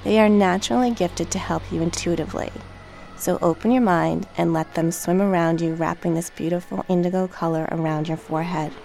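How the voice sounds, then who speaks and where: Meditation narrator: female, fairly low register with noticeable creak, soothing, unhurried and gentle delivery over background music. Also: slight background noise. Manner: calm, gentle, measured. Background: relaxation track with music, dolphin and water sounds.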